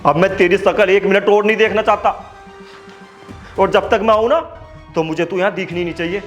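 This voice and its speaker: A man's voice: sits high, steady tone, fairly quick, faint music behind, close to an everyday voice. A young man acting as a suspicious husband in a comic skit, accusing and melodramatic.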